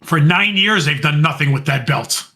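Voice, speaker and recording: Bright-voiced animated podcast man. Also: a little high, moderate pace, creaky. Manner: animated, retells scenes by quoting and laughing. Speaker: podcast co-host. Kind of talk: casual wrestling chat.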